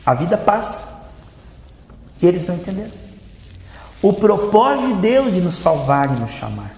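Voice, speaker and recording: A man's voice: high voice, big pitch swings, normal speed, vocal fry, a little mellow. A man with a Brazilian Portuguese accent preaching a sermon as a pastor, emphatic and repeating phrases for effect. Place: church hall during a service. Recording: reverberant church hall.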